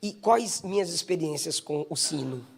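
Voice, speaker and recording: A man from Bahia with a Bahian accent, preaching a live sermon at a church service. He builds up to shouting and sings out imitations of bell sounds. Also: on the high side, lively intonation, moderate pace, vocal fry, breathy edge. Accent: Bahian Brazilian Portuguese. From Bahia, Brazil. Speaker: pastor.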